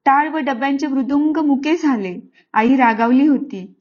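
A woman reads a classic story aloud in a gentle, expressive storytelling manner. Her voice sits high and bright, and the recording is slightly muffled and lo-fi. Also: unhurried. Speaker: narrator. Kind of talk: storybook reading.

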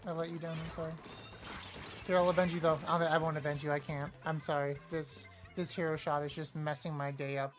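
A woman streaming a live game, trash-talking playfully, apologizing to teammates and suddenly yelling when a play goes wrong. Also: deep voice, flat delivery, fairly quick, noisy background. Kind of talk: live gameplay commentary.

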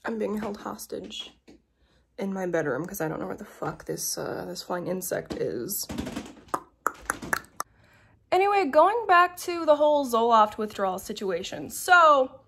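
A woman's voice: mid-range voice, lively intonation, measured pace, gravelly, pauses often, fairly bright tone, slight background noise. A young woman chatting to camera from her bedroom at home, meandering and filling her talk with ums and likes. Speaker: vlogger. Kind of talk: casual chat to camera.

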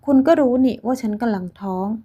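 A woman voicing a shrill, jealous pregnant ex-lover who shrieks her accusations in a storybook reading. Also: steady tone, moderate pace, dark tone, lightly acted. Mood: shrill accusing.

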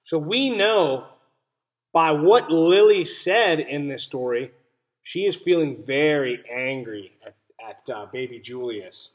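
A young man teaches little children a read-aloud lesson from a small room at home, his slightly high voice moving slowly with lively intonation. He keeps his explanations simple and stresses important words, and the lo-fi sound comes from a webcam or laptop mic at arm's length.

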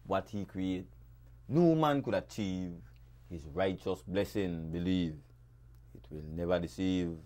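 A man with a Belizean accent reciting dub poetry in a rhythmic, rhyming delivery with sharp swings in loudness. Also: deep voice, very animated, unhurried. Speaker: dub poet.

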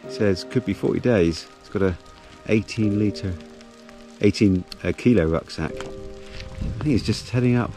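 Here the hiker's voice is mellow and fairly low, with a slightly slow delivery and faint music behind it. He's a middle-aged man giving casual vlog commentary to the camera and his dog on a mountain ridge, captured by a pole-mounted action camera.

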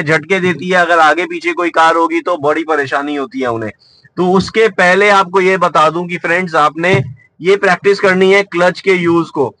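Bright-voiced man teaching driving from car. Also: high-pitched, no echo, rough recording. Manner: patient, explains while demonstrating. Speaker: driving instructor. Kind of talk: step-by-step driving lesson. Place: inside a car, driving out of a basement car park.

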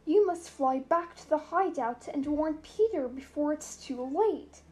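A woman's voice: high-pitched, lively intonation, unhurried, warm tone. A woman voicing a kindly, loyal male pirate sidekick who speaks earnestly and urgently.

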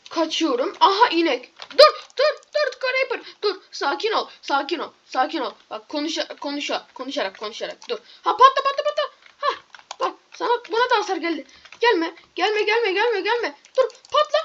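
A woman with a high voice narrates her game in a rush of yelps and pleas, then drops to quick low muttering. The recording sounds dull and lo-fi, with a faint hiss underneath. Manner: excitable, pleading and yelping at mobs, then muttering low. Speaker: gaming YouTuber. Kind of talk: Minecraft gameplay commentary.

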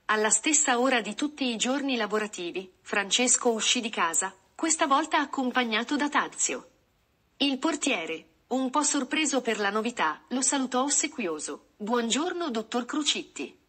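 A woman narrating a short story aloud in a steady, measured reading. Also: fairly high pitch.

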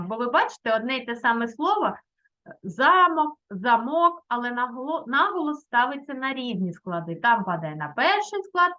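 Middle-aged lady teaching little kids, soft encouraging tone, voice a bit high and bouncy. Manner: gentle and encouraging, uses diminutives. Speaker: primary school teacher. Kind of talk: video lesson for children.

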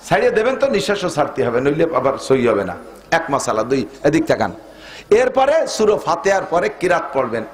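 A man's voice: on the high side, roomy sound. A middle-aged man from Bangladesh preaching a sermon, arguing his point with jokes and rhetorical questions to the congregation. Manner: argumentative, joking, rhetorical questions to the crowd. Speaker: Islamic preacher. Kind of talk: sermon at a religious gathering.

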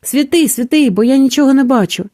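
A woman voicing a rough man on a coal barge in a storybook reading, shouting gruffly. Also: sits high, fairly quick, dry recording, clean studio sound, natural voice.

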